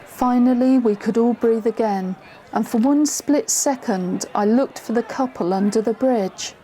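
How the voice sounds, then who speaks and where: An actress voices a female storyteller recalling a tense drama she witnessed, delivering scripted first-person narration in a measured, suspenseful audio-drama style. Her pitch sits on the high side with a dark tone, close to an everyday voice. The low-quality recording has slight background noise.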